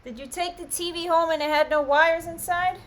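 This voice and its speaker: A woman's voice: very high voice, fairly even intonation, brisk, fairly bright tone. A woman interviewing an artist on a video call, asking short questions and checking the connection.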